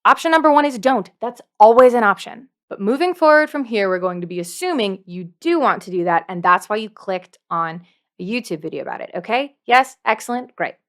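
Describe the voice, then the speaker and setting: Speaking fairly quickly, with an animated, medium-pitched voice, a woman plays a dungeon master offering tips as a video host. Her scripted instructional talk to camera is playful and emphatic, with points repeated for effect.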